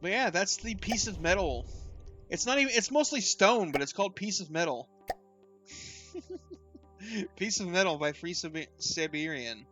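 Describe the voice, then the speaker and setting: A man's voice: high voice, animated, moderate pace, a bit bright, soft background music. A man streaming casual game commentary, rambling through weapon stats and chuckling at himself. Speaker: streamer and tournament caster.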